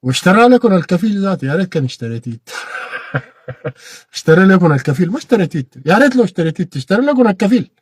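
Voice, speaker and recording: A man with a Sudanese Arabic accent giving an impassioned political monologue, repeating phrases and bursting into shouted peaks. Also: high voice, sing-song, racing, husky, no echo, clean studio sound. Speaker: political commentator.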